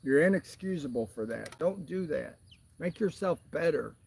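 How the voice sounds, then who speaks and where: A man's voice: fairly high pitch, expressive, normal speed, gravelly, darkish tone, slight background noise. A man co-hosting a wellness talk, exhorting listeners in an emphatic, preacher-like way. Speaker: co-host. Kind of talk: casual chat with preaching asides.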